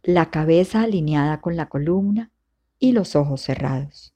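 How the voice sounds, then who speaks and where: A woman leading a guided meditation as instructor, giving calm, soothing, measured instructions with long pauses. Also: low-pitched, lo-fi sound.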